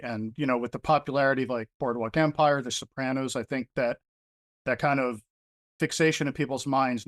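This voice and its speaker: An author from New Jersey, appearing as a guest, gives interview answers in a relaxed, conversational way, using lots of fillers like "you know." His medium-pitched voice is captured in studio quality with no echo.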